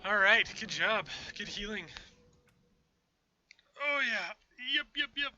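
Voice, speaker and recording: Playing a game on stream from his room at home, a young man chats casually with viewers through a desk microphone, rambling about what he's doing. His voice sits high and sounds animated and sharp, though he speaks slowly. The audio is muffled with slight background noise.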